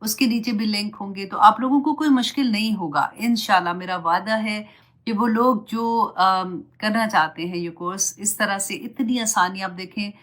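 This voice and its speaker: Motherly woman Quran teacher. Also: medium pitch. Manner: gentle, motherly, mixes in English words. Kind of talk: religious advice and course talk.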